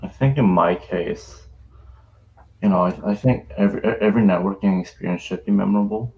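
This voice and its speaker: A Canadian university student in his twenties sits on a webinar panel and tells a casual story over a video call, hesitating with plenty of fillers and restarts. His voice is low, fairly quick, and darkish in tone. The highs are cut off and there's slight background noise.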